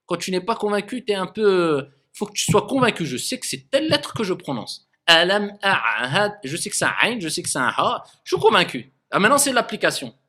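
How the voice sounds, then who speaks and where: A man's voice: sits high, sharp tone. A man teaching a classroom lesson on recitation, demonstrating letter sounds again and again and questioning his students.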